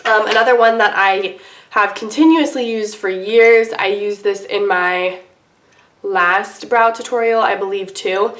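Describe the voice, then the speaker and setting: A woman with a medium-pitched voice chats casually to camera as a beauty vlogger. She sounds sick and under the weather, with an icky, congested voice. Her delivery is informal and rambling, recorded in a noticeably echoey room. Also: steady tone, a little slow, a bit bright. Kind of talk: casual makeup tutorial chat to camera.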